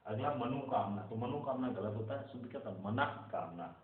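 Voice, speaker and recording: A man's voice: mid-range voice, expressive, a little fast. Distant echoey male teacher, phone-like sound. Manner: repeats "keep in mind", drills right and wrong forms. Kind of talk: Hindi spelling lesson.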